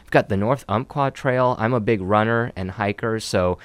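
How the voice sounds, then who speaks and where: A man's voice: fairly low pitch, normal speed, clear, resonant tone. A man from Oregon answering interview questions about his job as a city communications specialist, in an upbeat, chatty way with many fillers.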